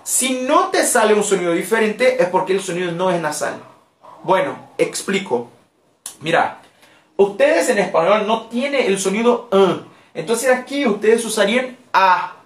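A language teacher whose first language is Portuguese, giving a live online lesson and repeating phrases patiently and slowly for learners. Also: mid-range voice, lively intonation. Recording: roomy echo.

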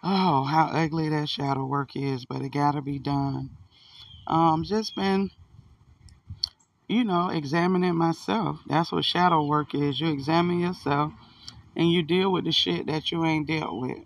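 A man's voice: fairly high pitch, steady tone, unhurried, gravelly, no echo, far from the mic. A man giving a casual, earnest, folksy motivational chat outdoors, swearing now and then, his speech slightly impaired by a toothache. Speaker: spiritual self-help vlogger.

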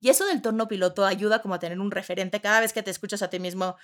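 A woman giving casual parenting advice, animated and acting out loud outbursts as examples. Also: mid-range voice, racing. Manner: animated, acts out voices with sudden loud outbursts. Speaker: parenting expert guest.

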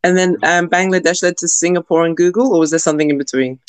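A woman's voice: fairly low pitch, steady tone, quick pace, no echo. A woman hosting a podcast interview, introducing her guest and asking questions with friendly, enthusiastic reactions. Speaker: podcast host and lecturer.

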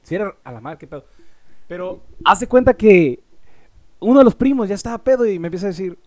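A man's voice: high voice, animated, fast talker, darkish tone, dry recording. A man with a Mexican accent telling a story in a casual chat, full of slang.

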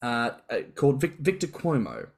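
A man's voice: mid-range voice, huge pitch swings, moderate pace, gravelly. A man co-hosting a casual podcast chat, musing at length with playful asides. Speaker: podcast co-host.

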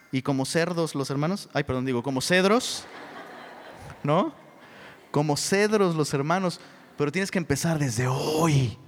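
A middle-aged Mexican pastor preaches in a loose, animated, conversational way, tossing in slang as he goes. His voice sits somewhat high for a man. A long hall reverb trails after his words. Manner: casual, animated, says "bro" a lot. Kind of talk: sermon. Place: church hall.

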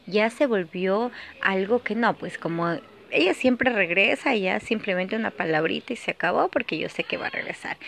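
A woman hosting a podcast, telling her own story in an earnest, confiding monologue full of hesitations and repeated phrases. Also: fairly high pitch. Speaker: podcast host sharing personal story. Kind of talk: personal testimony, confiding monologue.

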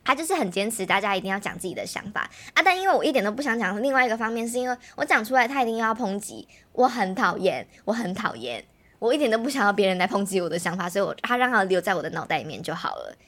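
A young woman, telling a personal story in animated, casual chat as a podcast host. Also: medium pitch. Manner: fast, animated storytelling, mimics others' voices.

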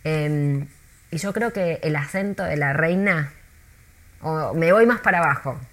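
An Argentine woman who works as a tour guide, chatting in an interview with lively, storytelling delivery and many restarts. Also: low voice, a little slow. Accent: Argentine Spanish.

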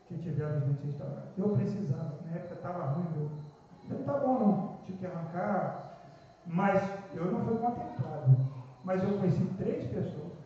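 A man's voice: high voice, warm tone, a little hiss or hum. A Brazilian man preaching a sermon, telling testimony stories and building to emphatic points. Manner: storytelling preacher, rising to emphatic peaks. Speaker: pastor. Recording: distant, echoey, dull church recording.

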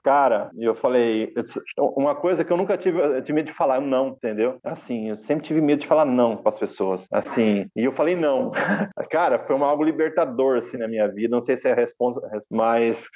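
Convidado animado, trintão, imita quem cita, áudio abafado. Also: male voice, medium pitch, brisk. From Paraná, Brazil. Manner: animated storyteller, acts out quoted dialogue. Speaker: guest, rural credit project consultant. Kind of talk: casual interview chat. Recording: dull lo-fi audio.

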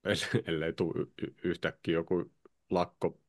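Low-voiced Finnish man hosting a podcast. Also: flat delivery, no echo, clean studio sound. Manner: wraps up the show, chatty. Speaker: podcast host. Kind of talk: casual chat.

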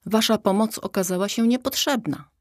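A woman voicing an eager, impulsive young girl in a children's audiobook, quick and emotional. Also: medium pitch, no echo, studio quality, pitched above the performer's own voice, close to an everyday voice.

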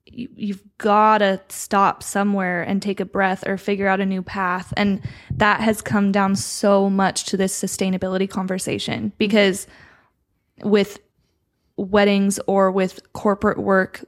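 Woman, podcast co-host, casual chat, reflective, earnest, even-pitched. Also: a little slow. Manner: reflective, earnest, with light laughs.

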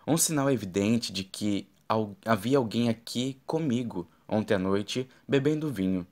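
A man narrating a novel in the first person, with steady, even reading. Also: lowish voice. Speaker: audiobook narrator.

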